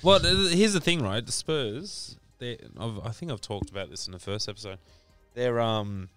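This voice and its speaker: A man co-hosting a casual basketball podcast, relaxed and quick to chuckle. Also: medium pitch, clean tone, faint music behind. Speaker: podcast co-host.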